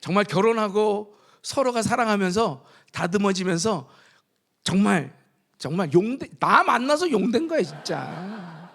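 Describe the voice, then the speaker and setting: A male pastor preaching a revival sermon, telling personal stories and moving from soft asides to shouted appeals. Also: high-pitched, lively intonation, normal speed. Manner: storytelling, shifts from soft asides to shouted exhortation.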